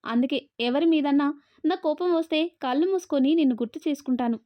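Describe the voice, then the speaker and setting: A woman's voice: sits high, fast, warm tone, no echo, close to an everyday voice. Woman voicing a curt, hot-tempered young husband. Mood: tender. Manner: curt, irritated. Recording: dull, dry lo-fi audio.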